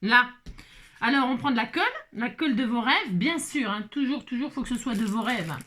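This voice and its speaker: A woman with a high, light voice walks through a card-making tutorial in a loose, casual way. She is playful and teasing and keeps chatting directly to the people watching. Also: a little fast, pushed and bright. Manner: playful, teasing, chatty, talks straight to viewers. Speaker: papercraft vlogger.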